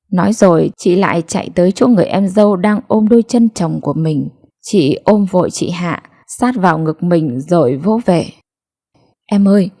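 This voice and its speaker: A woman storyteller giving slow, sorrowful audiobook narration. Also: on the low side, dark tone.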